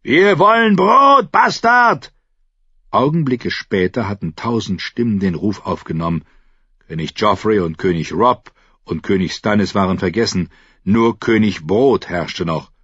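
A man reading a fantasy novel aloud with dramatic, expressive narration. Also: deep voice, normal speed, slightly rough, no echo. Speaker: audiobook narrator. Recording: dry, slightly dull audiobook recording.

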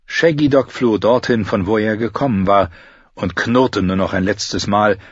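A man narrating a fantasy audiobook in a steady, even storytelling manner. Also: lowish voice, measured pace, slightly rough, no echo, highs cut off.

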